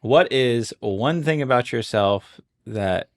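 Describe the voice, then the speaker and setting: A man's voice: mid-range voice, lively intonation, slow. A man in his thirties co-hosting a family podcast, chatting in a laid-back, self-deprecating, rambling way. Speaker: podcast co-host. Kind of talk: casual chat.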